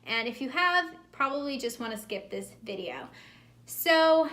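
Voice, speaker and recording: A woman's voice: high voice, very animated, a little slow, fairly bright tone. A young American woman chatting casually to camera as a vlog host, giving advice with emphatic repetition, her speech slightly impeded by a swollen mouth. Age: young adult. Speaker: host of a pregnancy-prep vlog.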